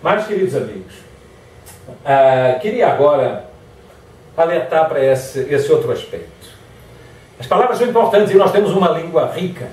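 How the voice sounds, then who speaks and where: Lively man lecturing in a roomy hall. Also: on the high side, normal speed, pauses often. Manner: lively, acts out example phrases in varied tones. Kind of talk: motivational lecture. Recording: echoey hall from far off.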